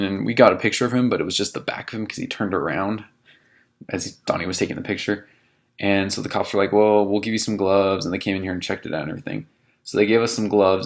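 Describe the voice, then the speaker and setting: Gravelly young man telling a dorm story. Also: on the low side. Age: 20s. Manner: animated, laughing retelling with quoted voices. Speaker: vlogger. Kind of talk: casual storytelling to camera. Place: college dorm room.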